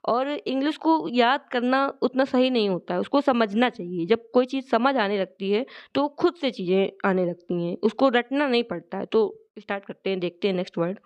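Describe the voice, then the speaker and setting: Smooth-voiced woman teaching vocabulary. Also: fairly high pitch. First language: Hindi. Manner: slow deliberate reading of English definitions. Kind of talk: explanatory lesson.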